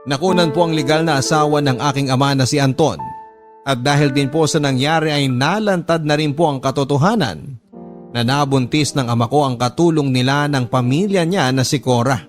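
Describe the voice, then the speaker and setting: Guy narrating a radio drama letter, mid pitch, earnest and polite, confessional. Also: moderate pace, faint music behind. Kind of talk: scripted narration.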